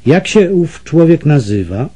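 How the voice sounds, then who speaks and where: Storybook heroine: man doing a distressed, pleading captive mother, dark-toned. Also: a little high, sing-song, measured pace, husky, pitched above the performer's own voice, heavily acted. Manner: pleading and shocked. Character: frightened but firm captive lady, mother.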